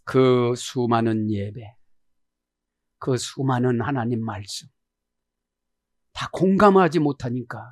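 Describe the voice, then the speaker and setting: A male pastor delivering a sermon, dropping to soft, low asides and then rising into loud, emphatic cries. He keeps prompting his listeners with short questions as he preaches. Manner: emphatic preaching with frequent "네?" check-ins to the congregation; swings between quiet murmuring and loud exclamations.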